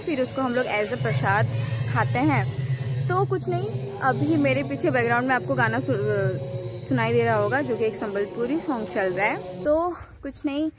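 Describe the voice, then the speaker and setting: A woman's voice: on the high side, animated, normal speed. A young woman from western Odisha chatting casually in a village vlog, mixing in English words. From western Odisha, India. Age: young adult. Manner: chatty, mixes in English words, many fillers. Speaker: vlogger. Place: outdoors in a village.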